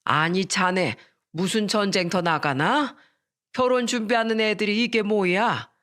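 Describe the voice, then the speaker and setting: A woman's voice: mid-range voice, normal speed, lightly acted. Woman doing a hearty middle-aged father.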